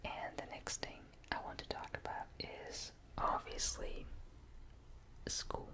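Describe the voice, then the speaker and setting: Young person doing asmr rambling, all whispered, really slow, breathy, right up in your ear on a binaural mic. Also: sharp tone. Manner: whispering ear to ear, close to the listener. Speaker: ASMR video maker. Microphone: close binaural microphone.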